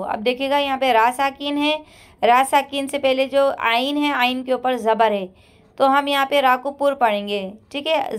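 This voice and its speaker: High-voiced woman teaching Quran reading. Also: clean tone. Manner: patient, repeats "theek hai" often, chants the sample words slowly and drawn out. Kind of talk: step-by-step recitation lesson.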